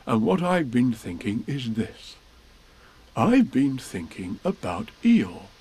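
Pooh, a man doing a slow cheerful bear. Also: medium pitch, huge pitch swings, warm tone, slightly rough, heavily acted. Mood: thoughtful. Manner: slow, cheerful, earnest, humming. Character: cheerful muddled honey-loving bear, male.

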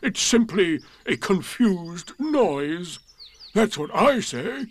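A man voicing a gloomy, put-upon old donkey who grumbles slowly and morosely in a children's storybook reading. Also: high voice, very animated, pitched above the performer's own voice, heavily acted. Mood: gloomy, aggrieved. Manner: slow, morose, complaining.

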